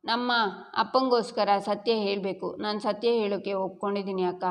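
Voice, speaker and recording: A woman's voice: mid-range voice, steady tone, moderate pace, lightly acted. A woman voicing a young woman who pleads earnestly with her father, in a long echoing reverb. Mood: pleading.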